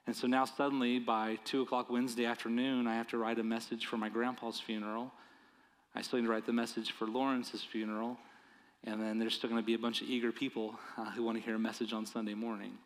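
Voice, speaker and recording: Talking fast and flat, a middle-pitched male pastor delivers his sermon in an earnest, conversational manner, frequently tripping over and restarting phrases. Each word lingers in the sanctuary's long, trailing reverb.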